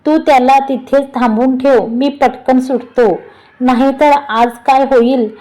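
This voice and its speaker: A woman voicing a playful young man who teases and pleads in a hushed way, within a storybook reading. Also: high-pitched, steady tone, measured pace, low-quality recording. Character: brash young man, teasing brother-in-law.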